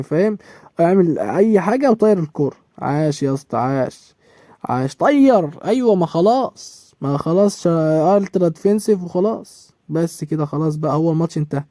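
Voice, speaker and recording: A man's voice: a little high, warm tone, no echo, studio quality. A young man with an Egyptian Arabic accent commenting on his own football game, exasperated and repeating himself as he reacts to each play. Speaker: gaming YouTuber. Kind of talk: live gameplay commentary.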